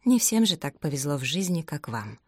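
A woman's voice: deep voice, big pitch swings, brisk, no room sound, clean studio sound, exaggerated voice. A woman reading as a grumpy, bossy old man. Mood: grumbling. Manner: gruff, demanding, complaining.

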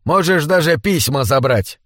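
A man voicing a haughty, bad-tempered old man in a wheelchair, domineering and prone to shouting, in an audiobook. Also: on the high side, lively intonation, normal speed, dry recording, clean studio sound. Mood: menacing. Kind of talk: audiobook character voice.

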